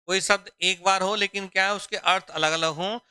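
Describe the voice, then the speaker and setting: Bright, crisp-voiced Hindi teacher, man. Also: high voice, steady tone, no echo. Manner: repeats questions to students, calling them "beta" and "bachchon"; drawn-out, deliberate explaining. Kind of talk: exam-prep lesson.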